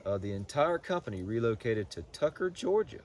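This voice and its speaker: A man with a fairly low voice talks casually, as if reviewing something for fellow hobbyists. His delivery is folksy and halting, with words repeated as he thinks. Faint noise sits behind him. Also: lively intonation, a little mellow. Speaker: pipe tobacco reviewer. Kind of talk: casual unscripted review talk.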